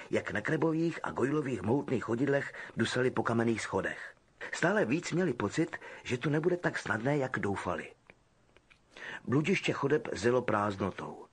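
A man narrating an audiobook with expressive storytelling. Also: mid-range voice, slightly rough. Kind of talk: scripted narration.

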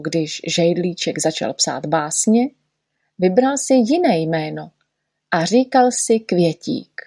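A woman narrating a children's storybook in a gentle, expressive manner. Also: on the low side, husky, no echo, studio quality. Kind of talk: storybook reading.

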